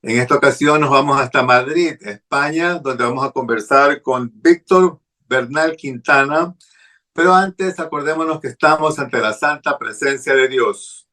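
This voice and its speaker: A man's voice: mid-range voice, unhurried, bright, forceful tone. A man hosting an interview, friendly and asking short prompting questions. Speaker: host.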